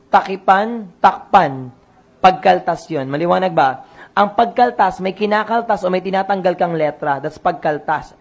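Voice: medium pitch, creaky. A coach running an online exam review lesson, quizzing the listeners and repeating each answer to drill it in.

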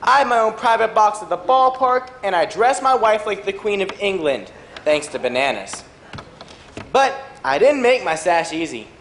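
A man's voice: high voice, sing-song, moderate pace, fairly bright tone, a little hiss or hum, full character voice. A man playing a brash banana tycoon. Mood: boastful. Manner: boastful, brash. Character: boastful self-made banana businessman. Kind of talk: stage monologue. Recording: echoey auditorium.

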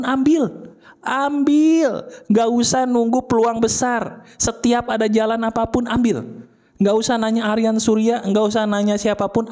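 A man's voice: high voice, darkish tone. Man giving casual motivational advice. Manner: repeats key points, asks the listener questions. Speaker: motivational speaker. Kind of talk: casual motivational talk to the viewer.

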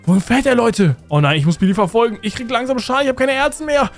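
A man hosting a Minecraft role-play let's play, talking excitedly and constantly to his viewers. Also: very high voice, quick pace, faint music behind. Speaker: host.

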